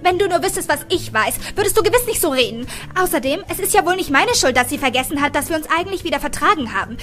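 Brief: woman voicing a high, loud, excitable young busybody in a romance audiobook. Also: fast talker, faint music behind. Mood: excited teasing. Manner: shrill, loud and breathless with excitement. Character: pushy giggly young woman, excitable and nosy.

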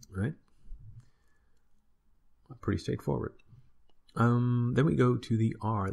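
Guy teaching pronunciation, real low voice, kinda gravelly, says each word a few times. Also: darkish tone. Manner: patient, demonstrates sounds by repeating words. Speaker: Dutch language teacher. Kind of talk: pronunciation lesson.

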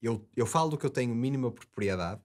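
A man's voice: mid-range voice, animated, fast, darkish tone. A man in his thirties with a European Portuguese accent, a podcast guest in casual debate, earnest and digressive with many restarts. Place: small studio with acoustic foam. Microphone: desk mic on boom arm.

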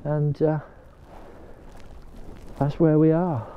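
A man's voice: a little high, level tone, extremely slow, smooth, lo-fi sound. An older man chatting casually to camera while kayaking on a canal, talking to his dog now and then. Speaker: vlogger. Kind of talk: casual vlog chat.

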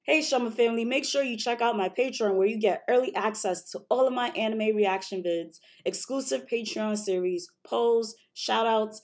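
Excitable high-voiced woman vlogger. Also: moderate pace, hardly any pauses, soft background music. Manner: excitable, slangy and profane. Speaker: anime reaction YouTuber. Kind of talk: casual reaction vlog.

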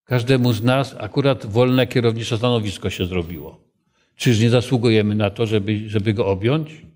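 A man's voice: lowish voice, normal speed, darkish tone. A man leading a group Bible study, asking the others questions and telling a story from his own life. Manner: conversational, asks the group questions, tells personal stories.

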